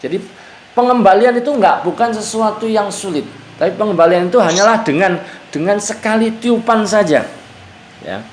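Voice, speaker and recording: A man's voice: high voice, expressive, moderate pace, slight background noise. A male Islamic teacher explaining Quran verses to a women's study group, patiently repeating key phrases and chanting Arabic verses. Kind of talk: Quran exegesis class. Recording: echoey room.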